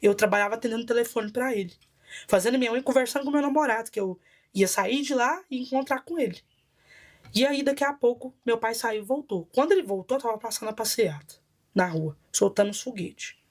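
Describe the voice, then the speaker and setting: A Brazilian woman with a Brazilian Portuguese accent gives a personal testimony as a bishop. Her voice sits a little high. She retells events vividly and dramatically. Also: fast.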